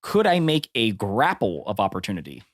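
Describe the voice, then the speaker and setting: A man's voice: lowish voice, huge pitch swings, a little fast, dry recording, clean studio sound. A man playing in a tabletop game, rules-minded and explaining his reasoning. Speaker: player. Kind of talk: casual game chat.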